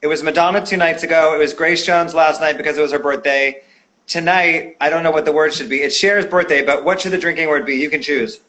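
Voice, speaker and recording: Host, male, higher voice, chatty and teasing, nightly video-call talk show. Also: fairly even intonation, brisk, bright, forceful tone. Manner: chatty, playful, filler-heavy. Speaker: podcast host. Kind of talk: casual video-call interview.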